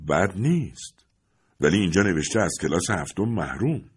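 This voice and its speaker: A man voicing a polite but firm hotel training director in an audiobook, speaking in a measured, formal way. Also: sits low, big pitch swings, slightly rough, full character voice.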